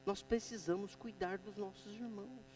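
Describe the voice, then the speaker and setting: A middle-aged Brazilian man with a Brazilian Portuguese accent preaching a sermon, moving between loud exhortation and quiet storytelling. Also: sits high, steady tone, moderate pace, far from the mic, slight background noise, rough recording.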